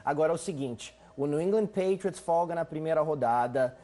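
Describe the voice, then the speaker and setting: A man with a Brazilian accent giving conversational sports highlights commentary as a show analyst. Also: fairly quick, warm tone.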